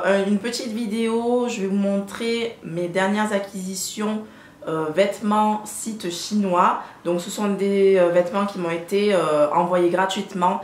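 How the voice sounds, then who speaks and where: A woman vlogging casually to camera about clothes she ordered, chatty and full of hesitant fillers, hot and sweating. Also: medium pitch. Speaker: fashion vlogger. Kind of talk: casual haul vlog to camera. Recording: roomy, faint background hum.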